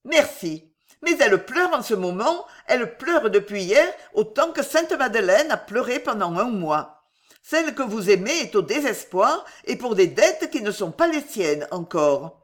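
Une femme qui joue une jeune femme de chambre rusée, volubile et enjôleuse, qui plaide avec aplomb. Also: female voice, on the high side, big pitch swings, measured pace. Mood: enjôleur. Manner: voluble, wheedling, theatrical. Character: young cunning female chambermaid, glib and persuasive.

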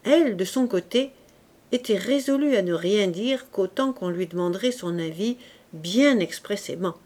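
A woman's voice: medium pitch, expressive, normal speed, a little mellow. Woman reading a classic novel aloud. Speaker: audiobook reader. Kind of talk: scripted narration of a novel and a fable.

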